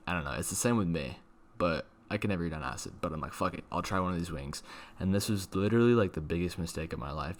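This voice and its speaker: Low-voiced young guy rambling casually. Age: young adult. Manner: slangy, sweary, filler-heavy with "like". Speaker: video creator telling a personal story.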